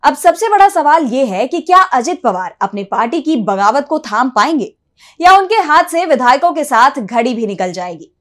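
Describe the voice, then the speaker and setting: A woman's voice: high voice, big pitch swings, moderate pace, a bit bright. A woman news anchor presenting scripted breaking news with an emphatic, dramatic delivery.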